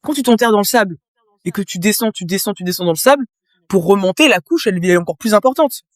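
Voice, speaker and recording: A woman guest chats in a casual interview, painting her points with vivid images and speaking directly to the listener. Her voice sits at a middle pitch for a woman. The recording is dry and close. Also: animated, quick pace, dry recording. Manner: explains with vivid images, talks straight to the listener. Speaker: guest, business coach.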